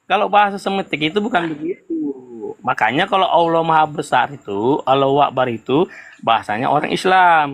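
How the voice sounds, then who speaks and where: A man argues insistently in a heated debate, repeating his points. His voice is rather high-pitched. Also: a little fast, a bit bright. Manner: insistent, repetitive.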